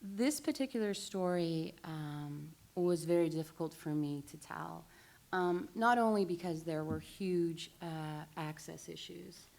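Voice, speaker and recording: A woman photographer answering on a panel in a hesitant way, with many pauses. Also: on the low side, creaky, darkish tone.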